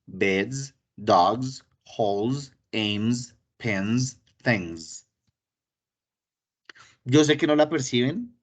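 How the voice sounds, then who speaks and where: A man, an English teacher giving an online class on grammar and pronunciation, lively and repeating words for emphasis. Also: medium pitch. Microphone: computer mic in an online session.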